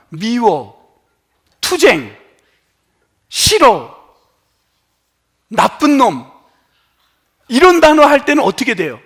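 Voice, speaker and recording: A middle-aged man preaching a sermon in a notably high voice. His pitch leaps and dips with lively animation, and he keeps questioning his congregation, moving from forceful near-shouts down to soft hushed whispers. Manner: animated, swings from loud emphatic lines to hushed near-whispers; asks the congregation questions and has them try words aloud. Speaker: pastor.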